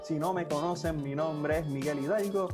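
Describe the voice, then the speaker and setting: A man's voice: on the high side, moderate pace, over music. A man with a Puerto Rican accent hosting a podcast with enthusiasm, presenting and moderating in an upbeat style.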